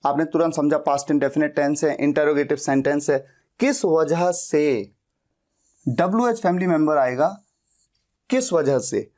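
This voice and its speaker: A man teaching an English grammar lesson, slowing down to dictate example sentences. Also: sits high, a little mellow. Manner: slow, dictating pace when reading out English sentences.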